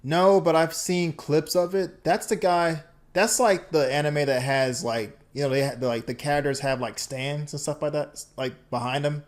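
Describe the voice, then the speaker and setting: A man's voice: on the high side, steady tone, moderate pace, hardly any pauses. A man casually reacting to a video on a live stream, talking in a loose, rambling way with lots of fillers.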